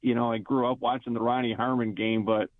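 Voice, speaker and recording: A Buffalo man calls in to a radio show over the phone, chatting in a rambling way and trash-talking with good humor. His voice sits at an ordinary pitch for a man. It comes through a narrow, tinny phone line and sounds dry and close. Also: flat delivery, fairly quick, no room sound. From Buffalo, New York. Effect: heard over the phone. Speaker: radio call-in caller. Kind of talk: casual sports talk call.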